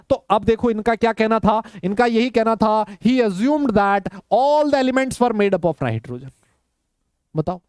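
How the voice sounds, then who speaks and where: Male teacher, high-pitched voice, teasing banter, live online class, dry close mic. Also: a little mellow, no room sound. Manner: teasing, banters with students in Hindi-English mix. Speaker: chemistry teacher.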